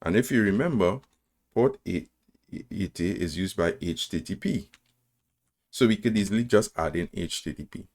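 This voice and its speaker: A man's voice: low voice, moderate pace, darkish tone. A man presenting a screen-recorded coding tutorial, talking through each command step by step, spelling them out and checking in with "right?" as he goes. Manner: frequent "right?" checks and small self-corrections.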